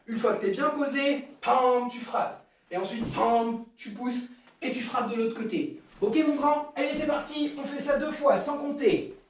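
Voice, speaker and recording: High-voiced karate teacher in an echoey hall. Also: male voice. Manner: calls counts and kiai shouts between explanations. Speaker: karate instructor. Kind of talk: online class instruction. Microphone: camera at a distance. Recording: echoey room, voice far from the mic.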